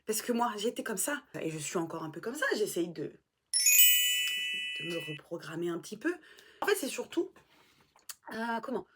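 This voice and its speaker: A woman vlogger in casual chat, animated and self-mocking, swearing now and then. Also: medium pitch, normal speed, long pauses, a little hiss or hum.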